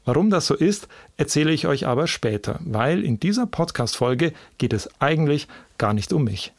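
A man's voice: on the high side, big pitch swings, normal speed, vocal fry, no room sound, studio quality. A man hosting a podcast, telling a personal story in scripted narration. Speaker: podcast host.

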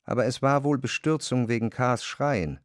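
A man narrating a literary radio drama in a measured storytelling voice. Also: medium pitch, no echo, studio quality.

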